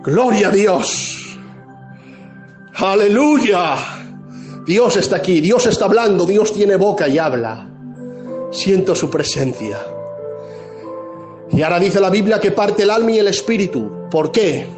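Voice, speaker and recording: A man's voice: sits high, big pitch swings, normal speed, darkish tone, soft background music. A man preaching a fervent sermon as pastor, acting out dialogues with God and scripture, with an Andalusian Spanish accent.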